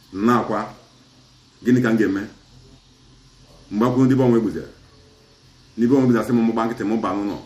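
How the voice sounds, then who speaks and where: Speaking as a chief in an interview, a middle-aged Nigerian man recounts a community dispute in extended turns that shift between Igbo and English, with an Asaba Igbo accent. His fairly low voice is a little mellow. The recording is rough and the room echoes.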